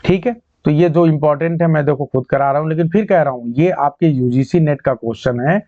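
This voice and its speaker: A man's voice: a little high, fairly quick, dry recording. Man teaching an exam-prep lecture. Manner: explanatory, repeats key points, quizzes students. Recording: dull muffled lo-fi sound.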